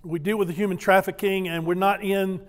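A man's voice: high voice, little pitch movement, brisk, in a large hall. An older man giving a folksy, humorous sermon as a visiting missionary speaker, telling stories and getting the congregation to repeat greetings after him. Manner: folksy, humorous, leads the congregation in call-and-response. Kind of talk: sermon with storytelling. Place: church sanctuary.

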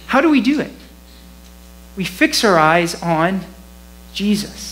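A man with a rather high voice delivers a sermon from the pulpit. He talks in a loose, conversational way, chuckling now and then. There's a faint hum under his voice. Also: slow pace, poor audio. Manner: conversational, animated, laughs often. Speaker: pastor. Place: church.

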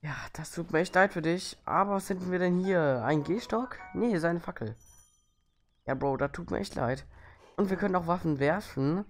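A man's voice: high voice, moderate pace, soft background music. A young man giving casual let's play commentary in an informal, slangy way. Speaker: let's player.

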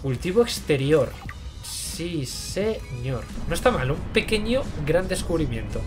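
Excitable young gamer man. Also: fairly high pitch, unhurried, music in the background. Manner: excitable, yelps and repeats words in panic. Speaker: gameplay streamer. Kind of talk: casual let's-play commentary.

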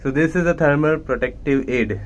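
A man's voice: a little high, moderate pace, muffled recording, slight background noise. Man giving a phone-filmed vlog tour. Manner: explains plainly, mixing Hindi and English. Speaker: merchant navy officer vlogger. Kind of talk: casual guided tour vlog. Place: inside a ship's lifeboat. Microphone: handheld phone.

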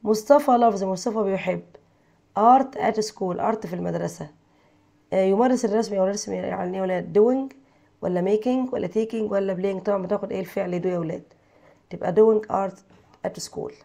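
A woman's voice: medium pitch, fairly quick, creaky, warm tone. A woman teacher with an Egyptian Arabic accent, working through textbook exercises, reading English sentences and translating them while quizzing her pupils.

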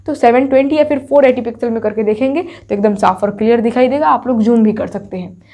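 A woman teacher with a slightly high, mellow voice speaks fast while explaining a story chapter in an online class, and the audio sounds dull. She repeats every point, asks herself rhetorical questions, and speaks directly to students, telling them to take screenshots.

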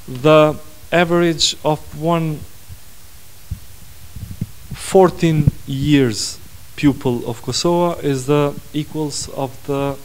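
Halting man speaking English. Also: fairly high pitch, fairly even intonation, poor audio. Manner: halting, many restarts and fillers. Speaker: parliament president, panel guest. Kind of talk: panel talk answering questions. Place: small conference room.

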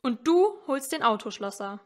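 A woman reading the lines of an impatient father who gives brisk orders. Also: high-pitched, very animated, darkish tone. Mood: commanding. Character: flustered father, impatient and commanding.

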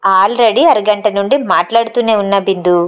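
A woman's voice: medium pitch, brisk, muffled recording, lightly acted. A woman reading the lines of an easygoing young man who jokes lightly. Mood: joking.

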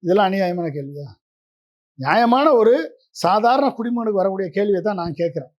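A man's voice: sits high, fairly quick, dull audio. A man giving a political interview as the guest, pressing his case with a stream of combative rhetorical questions.

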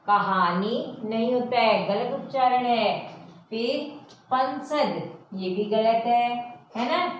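Slow, patient woman teacher in echoey room. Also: medium pitch. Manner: slow, repeats words and asks the class checking questions. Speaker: school teacher. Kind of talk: primary-school language lesson. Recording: very echoey, distant, faint hiss.

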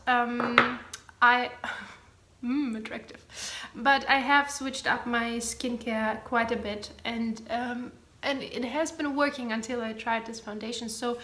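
A Ukrainian-born beauty vlogger in her thirties, whose first language is Russian, talks through her skincare routine in her bedroom at home. Her English has a light British tinge over a Russian and German background, and her high, pushed, bright voice rambles chattily with frequent ums, asides and self-corrections.

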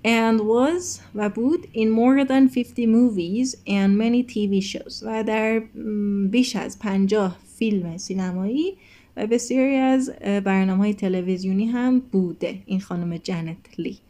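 A woman runs a recorded English lesson with a mellow, relaxed voice. She explains each point and reads the example sentences aloud slowly and carefully, like a patient teacher. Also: medium pitch. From Iran.

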